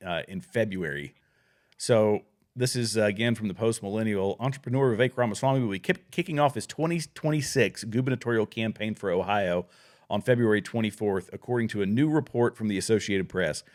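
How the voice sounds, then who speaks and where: A man's voice: on the low side, brisk. A man hosting a casual political talk show, rambling with restarts and reading news items aloud. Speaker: podcast host.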